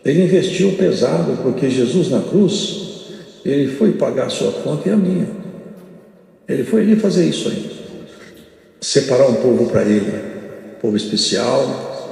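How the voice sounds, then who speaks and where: An older man with a Brazilian Portuguese accent preaching a sermon, emphatic and repetitive, with sudden rises and drawn-out phrases. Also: mid-range voice, gravelly, mellow. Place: large church hall. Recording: echoey church hall with long reverb.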